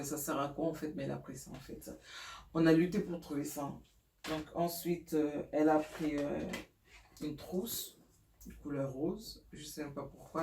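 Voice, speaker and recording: A middle-aged woman chats her way through a home vlog, pausing often and laughing at her own slips. She sounds a little distant from the microphone, in a roomy space with a faint hiss behind her. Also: low voice, a little mellow. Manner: chatty, hesitant, laughs at herself, many fillers. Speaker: mother showing school supplies.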